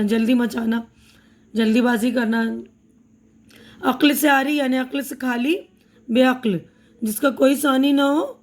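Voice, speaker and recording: A woman with a high voice and an Indian Urdu accent teaches a school lesson. She talks patiently and repeats words slowly for her pupils, and now and then drops in an English term. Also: a little mellow. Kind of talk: explaining a school textbook chapter.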